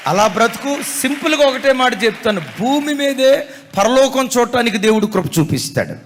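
A man's voice: very high voice, big pitch swings, normal speed, some chatter behind, slight background noise. A man, a pastor, preaching a sermon emphatically, repeating key phrases and mixing in folksy humor. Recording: echoey hall reverb.

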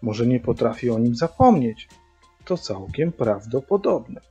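A man voicing a pensive middle-aged male train waiter who muses quietly to himself. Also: medium pitch, big pitch swings, a little slow, husky, full character voice. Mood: musing. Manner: musing, thoughtful. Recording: dull lo-fi recording, faint music.

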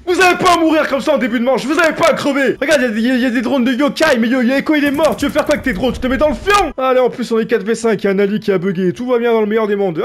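A man giving casual gameplay commentary from his home setup, grumbling and exasperated at his teammates. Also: high-pitched. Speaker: gaming video creator.

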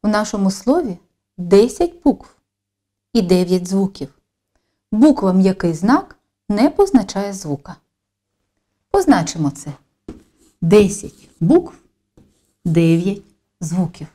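A woman teacher giving slow, careful instructional narration for a lesson, dictating each step deliberately. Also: mid-range voice, very animated, dark tone.

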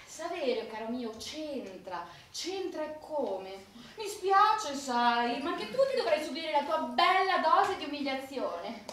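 An actress playing a sharp-tongued, scornful wife in a live stage comedy, with a cutting, sarcastic delivery. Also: female voice, high voice, very animated, takes it slowly, full character voice. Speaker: stage actor. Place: theatre stage. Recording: echoey hall from far off.

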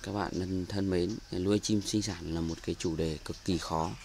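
A man's voice: low voice, steady tone, normal speed, darkish tone, slight background noise. A man with a Northern Vietnamese accent giving a chatty, filler-heavy walkthrough of his bird aviary outdoors, recorded on a handheld camera. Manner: chatty, many fillers and repeated words. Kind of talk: casual walkthrough narration. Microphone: handheld camera mic.

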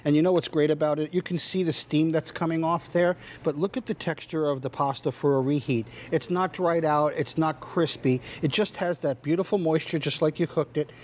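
A man's voice: fairly high pitch, steady tone, a little fast, hardly any pauses, a little mellow, a little hiss or hum. A middle-aged man, a chef giving an enthusiastic, emphatic home shopping demonstration. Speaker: chef, culinary consultant demonstrating a product. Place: kitchen set in a TV studio.

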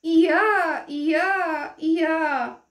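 Lady doing a whiny little crow princess, squeaky high, caws a lot, echoey room. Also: drawn-out words, fairly bright tone, full character voice. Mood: plaintive. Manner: high cawing plaintive voice. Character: spoiled young princess turned crow, whiny. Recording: roomy echo.

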